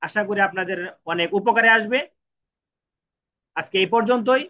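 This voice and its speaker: A man's voice: high voice, normal speed, pushed and bright. Patient man drilling syllables, lo-fi. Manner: patient, drills each sound three times, asks and answers own questions. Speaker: Japanese language teacher. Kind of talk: teaching lesson, repeating drills. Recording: dull lo-fi sound.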